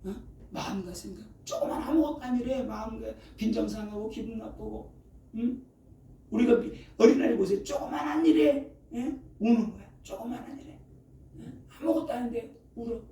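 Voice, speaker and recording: A man's voice: extremely high pitch, normal speed, mellow. A middle-aged male pastor preaching a sermon, constantly prompting the congregation with "eh?" and "right?". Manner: frequent rhetorical "어?" and "예?" prompts to the congregation. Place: church sanctuary. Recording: echoey room, mic at a distance, faint ambience.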